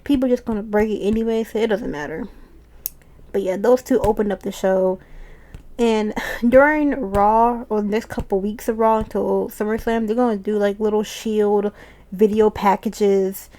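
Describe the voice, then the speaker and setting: A woman's voice: medium pitch, normal speed, mellow. A woman casually recapping a wrestling show, chatty and often laughing as she retells it.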